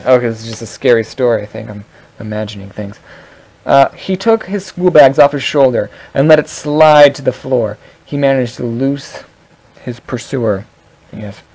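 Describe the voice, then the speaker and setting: Man stumbling through a storybook reading. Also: mid-range voice. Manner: stumbling, self-interrupting reading with playful asides. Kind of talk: reading a story aloud in an old test recording. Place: untreated echoey room. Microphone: cheap microphone with no pop filter.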